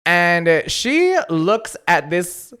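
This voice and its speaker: A man's voice: sits high, very animated, very slow, bright, forceful tone, clean tone. A man co-hosting a podcast in casual chat, retelling a show animatedly with swearing and laughs. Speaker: podcast co-host.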